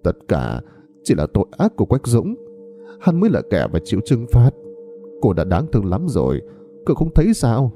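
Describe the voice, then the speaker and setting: A firm older woman laying blame where it belongs, steady and reproving, as a male storyteller voices her. A dark, mellow voice with lively pitch. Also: moderate pace, soft background music.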